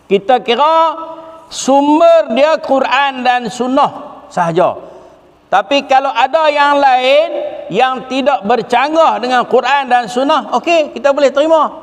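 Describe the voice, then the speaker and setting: A man preaching a lively religious lesson, asking rhetorical questions and quoting Arabic scripture. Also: very high voice, in a large hall. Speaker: religious teacher. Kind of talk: sermon. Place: religious hall.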